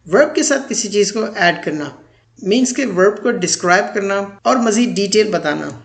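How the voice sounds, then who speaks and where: Male grammar teacher, high gravelly voice, slow deliberate drills. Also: lively intonation. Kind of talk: grammar lecture.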